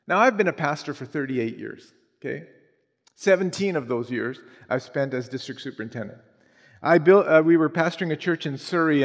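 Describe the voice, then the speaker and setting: A man in his sixties, a pastor preaching an animated, joking sermon that builds to shouts. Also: fairly high pitch. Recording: long reverb in a large hall.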